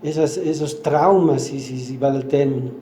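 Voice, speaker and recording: A man's voice: medium pitch, normal speed, dark tone, reverberant, a little hiss or hum. An older man gives a sermon at church, teaching with everyday examples and asking the congregation questions. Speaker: church speaker.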